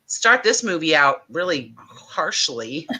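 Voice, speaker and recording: Bright, joking woman. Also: deep voice, sing-song, takes it slowly, poor audio. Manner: joking, playful, laughs often. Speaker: co-host of a live reselling stream. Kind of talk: casual live-stream chat.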